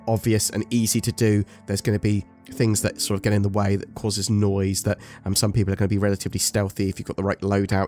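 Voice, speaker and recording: Low-voiced man, ill and sore from talking. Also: a little mellow. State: ill with covid, sore and painful to talk. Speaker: gaming video host. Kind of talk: casual scripted-notes commentary on game updates.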